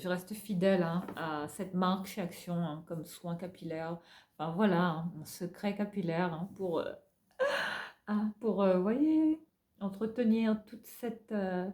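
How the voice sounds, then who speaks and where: A woman with a French accent chatting through a product haul, gushing over finds and tagging nearly every phrase with a filler. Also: fairly low pitch. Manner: chatty, tags most phrases with "hein". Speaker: haul vlogger. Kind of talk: casual product haul chat.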